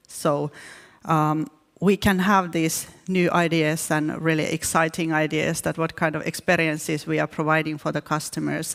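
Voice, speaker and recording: A keynote speaker from Finland, this woman has a low, flat, gravelly voice. She gives a conference presentation hesitantly, often restarting and using fillers. The recording has the reverberation of a conference hall.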